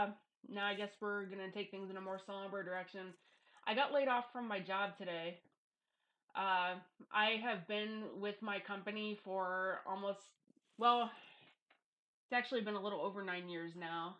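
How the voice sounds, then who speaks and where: A woman's voice: mid-range voice, fairly bright tone, highs cut off. A middle-aged woman talking casually and bluntly in a confessional video monologue, self-deprecating, recorded on a headphone mic in a home office. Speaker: YouTube vlogger. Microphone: headphones used as microphone.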